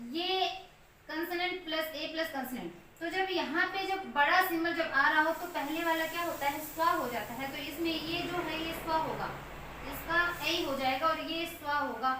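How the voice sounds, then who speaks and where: A woman's voice: high-pitched, normal speed, pushed and bright, recorded from a distance, slight background noise. A woman teaching English phonetic transcription in Hindi, explaining step by step and spelling words out letter by letter. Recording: echoey room, voice from off mic, faint ambience.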